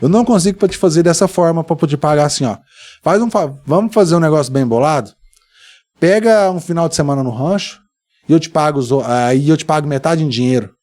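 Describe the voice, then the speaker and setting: Fast-talking Brazilian man telling stories. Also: on the high side. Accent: Brazilian Portuguese. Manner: animated, acts out dialogue in his stories. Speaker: guest. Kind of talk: storytelling in a casual podcast interview.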